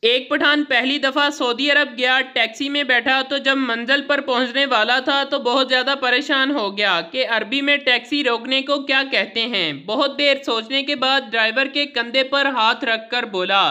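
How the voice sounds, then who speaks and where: A woman reading a string of short jokes aloud, with a brisk, even storytelling delivery that leads into each punchline. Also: high-pitched. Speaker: joke reader.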